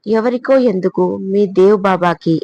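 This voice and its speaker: A woman's voice: medium pitch, moderate pace, warm tone, dull audio, natural voice. A woman voicing a playful, bold young heroine in a spoken audio story. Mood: teasing. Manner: teasing, spirited.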